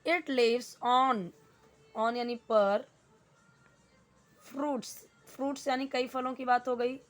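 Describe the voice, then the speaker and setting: A woman teaching English in Hindi, patiently explaining grammar and reading English sentences slowly. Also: high-pitched, steady tone, faint music behind.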